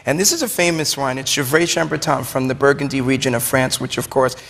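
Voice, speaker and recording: There's a long, hollow room reverb around this interview guest, a Brooklyn wine shop owner who talks fast. His mid-range voice is fairly bright with vocal fry, and he explains things in an enthusiastic, chatty, conversational manner.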